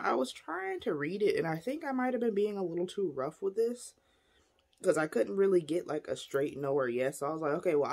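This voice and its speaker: A woman's voice: low-pitched, gravelly, a little mellow, slightly rough. Chatty woman teaching divination. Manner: chatty, rambling, shows objects to camera. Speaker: spiritual teacher. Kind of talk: casual teaching vlog.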